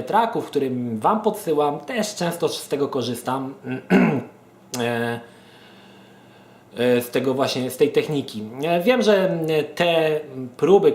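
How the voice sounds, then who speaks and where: A man talks casually to his viewers, handing out rhyming advice in a hesitant, stop-start way full of filler sounds. His voice sits at a middle pitch. The recording carries a noticeable room echo. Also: darkish tone. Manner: hesitant, many filler sounds and restarts, addresses viewers affectionately. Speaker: amateur rapper and vlogger running a verse contest.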